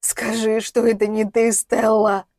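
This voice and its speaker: A woman's voice: mid-range voice, normal speed, darkish tone, no room sound, studio quality, natural voice. Woman reading as a desperate father, pleading. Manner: strained, pleading outbursts. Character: desperate middle-aged man searching for his missing daughter.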